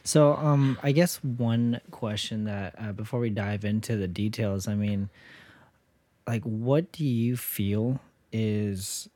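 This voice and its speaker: A man's voice: fairly low pitch, takes it slowly, mellow, dry recording. A man co-hosting a podcast, asking a question hesitantly while searching for words. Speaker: podcast co-host. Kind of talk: casual interview chat.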